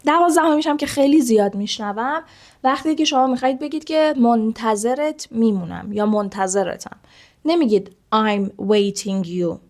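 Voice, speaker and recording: A woman with a slightly high voice leads an online English lesson. She speaks at a lively pace, poses rhetorical questions to the viewers, then slows right down to say each example sentence with care. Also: gravelly. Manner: says English example sentences slowly and carefully. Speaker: English teacher.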